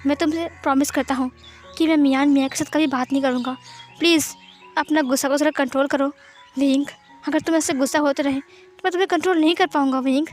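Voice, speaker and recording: A soft-hearted young man, nervous and stumbling over his words as he tries to calm someone down, with a woman reading his part. The voice is high and light, soothing and pleading in a storybook telling. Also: quick pace, soft background music, close to an everyday voice. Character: gentle, anxious young male writer pleading. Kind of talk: storytelling voice acting.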